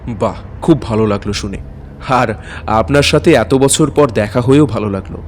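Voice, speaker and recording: A man with a natural, mid-range voice narrates a dramatic first-person ghost story at a moderate pace, slight background noise behind him. As the lead in an audio drama, he plays a polite, hesitant, anxious maths tutor recounting an eerie night.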